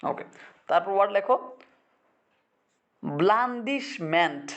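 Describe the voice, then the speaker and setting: A man's voice: sits high, quick pace. A male English teacher from Bangladesh drilling vocabulary in a classroom, repeating words and quizzing his students.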